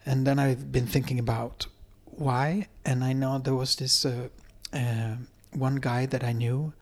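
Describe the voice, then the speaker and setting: In an apartment interview, a Swedish dance professor of middle age talks as a guest in Swedish-accented English. His voice sits at a typical male pitch, unhurried and with little pitch movement. He recalls details hesitantly and thoughtfully, with plenty of fillers and restarts.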